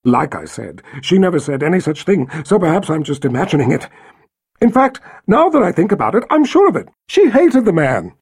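A nervous, babbling sorceress, as a man puts her on, quick and rising in pitch. Her voice jumps around with lively, animated swings and a breathy edge. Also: no room sound, studio quality, full character voice. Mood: flustered.

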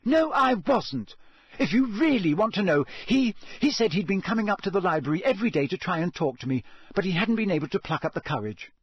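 A man's voice: high voice, sing-song, measured pace, fairly bright tone, breathy edge, dry recording, pitched above the performer's own voice, exaggerated voice. A man voicing an indignant, flustered teenage girl in an audiobook, heated and emphatic. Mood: flustered, defiant.

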